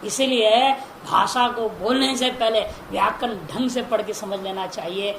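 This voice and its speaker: A woman teaching Sanskrit grammar in a classroom lecture, speaking deliberately, repeating word forms and asking rhetorical questions. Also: mid-range voice. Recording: roomy echo, faint background noise.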